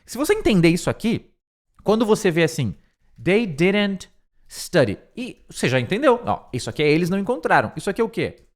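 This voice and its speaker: A man with a Brazilian Portuguese accent teaching English in an informal online lesson, explaining step by step and slowly repeating words for pronunciation, recorded on a close microphone. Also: high voice, sing-song. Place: room with a window, at home.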